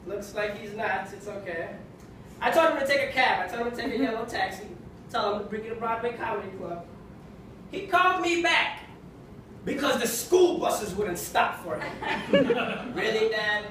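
A young man from Kenya performing a stand-up routine in a small comedy club, with a wry, conversational delivery and deadpan punchlines. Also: high voice, moderate pace, slight background noise. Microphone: handheld mic, filmed from far in the audience. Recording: echoey club from far off with audience laughter.

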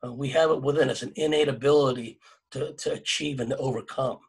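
A middle-aged Californian speaks on a video-call panel from home through a plain webcam mic, giving a rough recording. His gravelly, husky, mid-range voice is fairly even and brisk. Earnest and exhorting, he often restarts phrases and adds tag questions like "right?" to his points.

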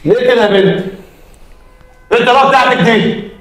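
A man's voice: very high voice, brisk, a bit bright. A man with an Egyptian Arabic accent playing a stern neighbor who lectures a woman about her manners. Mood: scolding. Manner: lecturing, indignant. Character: scolding male neighbor uncle, stern and preachy. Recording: roomy echo.

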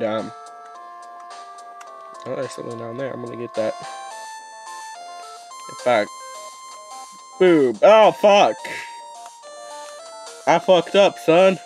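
A man's voice: mid-range voice, slow, pauses often, music in the background. A young man rambling through casual let's play commentary, swearing often and restarting his sentences. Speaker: gaming YouTuber.

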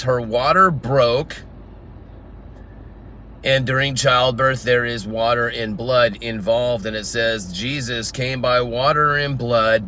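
A man's voice: medium pitch, bright, forceful tone, a little hiss or hum. A man teaching the Bible informally outdoors in a garden, reading scripture aloud and explaining it verse by verse.

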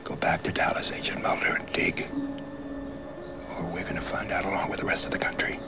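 An actor playing a paranoid older conspiracy writer who talks in a hushed, urgent whisper, heard from a worn VHS tape copy. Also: male voice, low voice, level tone, fairly quick. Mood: conspiratorial. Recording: hissy worn videotape copy.

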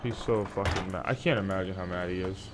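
A man's voice: sits low, steady tone, a little fast, slight background noise. Profane, sleepy young man gaming. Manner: profane, trash-talking, rambling storytelling. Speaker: streamer playing an online survival game. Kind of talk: casual game chat with teammates.

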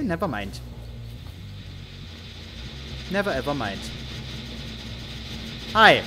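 A man giving playful, teasing let's-play commentary over a horror game, mock-taunting the characters he hunts. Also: fairly high pitch. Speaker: gaming YouTuber.

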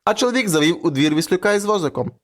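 A man's voice: animated, racing, a bit bright. Ukrainian man telling a folk tale. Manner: acts out characters with shifting pitch. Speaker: narrator.

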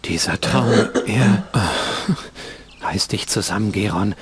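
An actor playing a young, earnest, dutiful bird catcher in a fantasy adventure game, musing to himself. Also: male voice, fairly low pitch, slow pace, over a noisy crowd. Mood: troubled. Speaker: game protagonist.

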